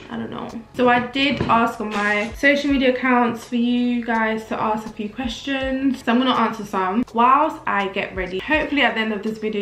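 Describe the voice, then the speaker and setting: This Nigerian vlogger in her twenties, speaking with a British accent, has a fairly bright voice on the high side that reverberates around the room. She chats candidly while getting ready at her mirror, poking fun at herself along the way.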